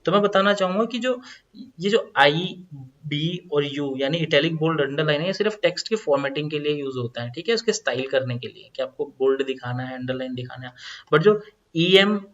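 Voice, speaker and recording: A man with a fairly high voice talks through a coding lesson step by step and goes back over key phrases as he shows each change. The sound is dull and lo-fi, like a cheap voice-over mic. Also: animated, a little fast, a bit bright. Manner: explaining step by step, repeats phrases. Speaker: coding tutorial teacher. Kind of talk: screen-recorded coding lesson.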